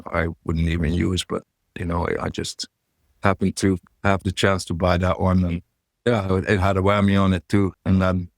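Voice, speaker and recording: A man guest in a casual interview, talking through his vocal gear in a relaxed, rambling way. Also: low-pitched, moderate pace, vocal fry, no echo, studio quality.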